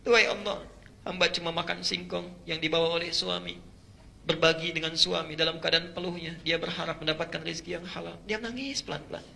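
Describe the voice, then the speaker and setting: Poor mother in tearful night prayer, voiced by a male preacher: hushed, pleading, bright tone. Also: on the high side, steady tone, brisk, vocal fry, slight background noise, exaggerated voice.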